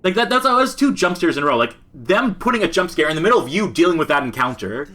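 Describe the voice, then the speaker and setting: A man's voice: fairly high pitch, big pitch swings, fast, pushed and bright. A man co-hosting a podcast, giving casual commentary as he plays a game and explaining its mechanics in detail. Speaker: podcast co-host. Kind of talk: casual commentary over gameplay.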